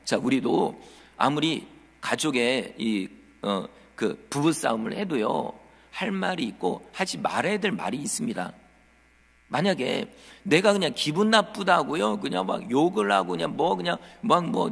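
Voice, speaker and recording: A male pastor with a fairly high, gravelly and slightly husky voice delivers a lively sermon in a church sanctuary, his pitch swooping as he tells the story. He acts out quotes and speaks directly to the congregation, while a long reverb from the hall trails his words.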